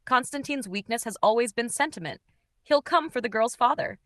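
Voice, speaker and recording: A woman's voice: fairly high pitch, lively intonation, brisk, no echo, voice pushed up, lightly acted. Woman voicing a corrupt fed cracking under pressure. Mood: scheming. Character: desperate corrupt male federal agent, unraveling.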